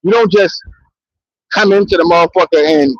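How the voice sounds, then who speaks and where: Outdoors in a public spot near trains, a male vlogger holds a mic and talks at a normal speed in a high-pitched voice. He rambles loosely and swears, returning again and again to "you know what I mean." There's no echo, and the sound is dull.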